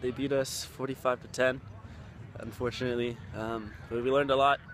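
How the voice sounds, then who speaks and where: A young Texan who plays college rugby vlogs to camera on a phone held at arm's length, chatting casually in slangy, mildly profane talk. His mid-range voice has little pitch movement and a moderate pace, and the handheld audio, both outdoors and indoors, carries background chatter and a little hiss or hum.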